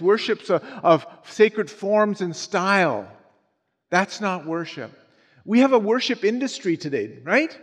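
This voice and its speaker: A man in his sixties, a pastor preaching an animated, joking sermon that builds to shouts. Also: sits high. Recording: long reverb in a large hall.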